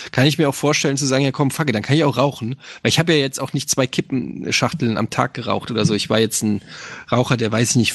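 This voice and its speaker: Relaxed, gravelly German-speaking streamer man. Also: medium pitch, no echo, clean studio sound. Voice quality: slightly nasal from allergies. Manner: relaxed, rambling, many fillers. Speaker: streamer answering questions. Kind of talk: casual chat.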